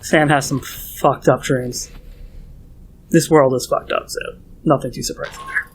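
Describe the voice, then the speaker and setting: A man's voice: mid-range voice, steady tone, unhurried, slight background noise. A young man giving casual, joking gameplay commentary from home, sarcastic and swearing freely. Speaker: let's play gamer. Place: at home in a hot room.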